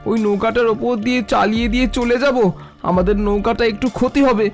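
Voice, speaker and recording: An actor playing a wary, brash crewman on a big boat who talks in an excited, blustering way. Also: extremely high pitch, quick pace. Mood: alarmed. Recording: faint music underneath.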